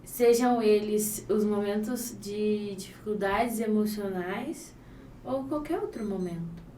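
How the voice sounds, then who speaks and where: A woman's voice: mid-range voice, takes it slowly, dark tone, echoey room, recorded from a distance, a little hiss or hum. A woman in her twenties, a podcast guest, speaking earnestly and reflectively. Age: 20s. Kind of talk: casual podcast chat.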